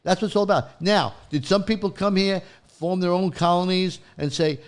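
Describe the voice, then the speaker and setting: Male panelist, slightly high voice, emphatic and repetitive, holding forth in an informal argument. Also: normal speed, clean tone. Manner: insistent, emphatic, repeats himself. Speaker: talk show panelist. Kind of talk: heated informal debate.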